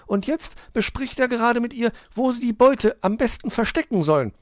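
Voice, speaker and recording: A man voicing an eager little male hedgehog who plays detective in a storybook, insistent and excited. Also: very high-pitched, normal speed, no echo, clean studio sound, voice pushed up. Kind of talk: storybook read-aloud.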